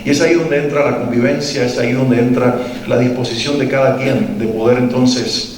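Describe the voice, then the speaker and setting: A Cuban man with a Cuban Spanish accent gives an earnest, reflective talk to a live audience of parents at a workshop, posing questions to them. His mid-range voice has a darkish tone, fairly even intonation and a moderate pace. The mic sits at a distance in an echoey hall.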